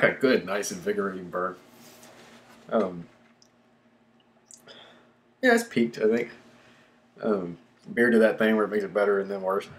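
A man's voice: on the low side, a little hiss or hum. Laid-back man with a drawl. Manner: laid-back, rambling, lots of ums and likes. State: panting and sighing from chili burn. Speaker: pepper-tasting vlogger. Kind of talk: casual unscripted vlog.

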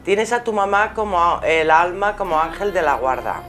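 In a small TV studio with curtains and music playing behind, a middle-aged woman with an accent from Spain hosts a live call-in show as a spiritual guide. She counsels a caller warmly with endearments, her low-side voice animated, fairly bright and at a moderate pace.

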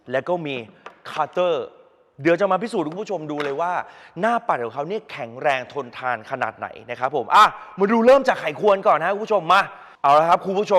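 A man's voice: a little high, a bit bright, long reverb tail. A man presenting products on a TV shopping channel, talking eagerly and constantly addressing the viewers. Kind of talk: live TV product demonstration.

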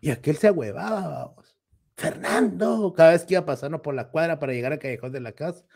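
A man with a Guatemalan Spanish accent, co-hosting a casual talk show and telling spooky anecdotes in an animated way, acting out the voices. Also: on the high side, fast, vocal fry. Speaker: co-host. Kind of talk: casual storytelling chat.

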